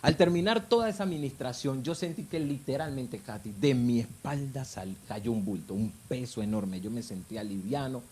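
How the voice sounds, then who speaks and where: A man's voice: mid-range voice, normal speed, hardly any pauses, mellow, a little hiss or hum. A married man, telling his personal faith testimony in a fervent, emotional way. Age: adult, married with children. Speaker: guest giving testimony.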